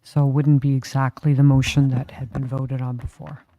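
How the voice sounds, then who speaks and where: A woman councillor tabling motions in a measured way during a council meeting. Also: extremely low pitch, flat delivery, dark tone, slight background noise. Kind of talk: council debate.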